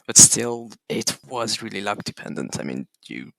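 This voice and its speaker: A man from Hungary, a podcast guest calmly explaining things with dry humor. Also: on the low side, moderate pace, creaky, no room sound, low-quality recording. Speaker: guest, tournament champion. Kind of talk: casual podcast chat.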